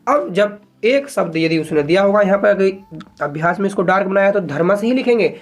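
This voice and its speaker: A man teaching a shorthand lesson to viewers, speaking casually and patiently, slowly repeating example sentences and often checking that his viewers follow. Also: high voice, expressive. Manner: addresses viewers as friends, frequent "ठीक है".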